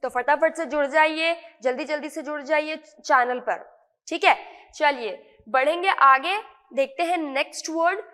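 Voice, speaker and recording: A woman's voice: high voice, measured pace, sharp tone, long reverb tail. A woman with an Indian accent teaching English vocabulary in an online lesson, repeating words and checking in with her students often.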